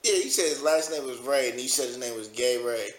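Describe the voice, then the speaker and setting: A man's voice: mid-range voice, expressive, brisk, heavy background noise. A man co-hosting casual sports banter, slangy, profane and needling, recorded in an echoey room. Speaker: podcast co-host.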